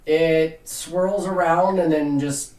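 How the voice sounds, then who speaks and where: A man with a slightly high voice runs a tabletop game in a roomy space, a bit away from the mic. He narrates casually and haltingly, searching for words as he goes. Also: steady tone, a little mellow, distant mic. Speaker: game master.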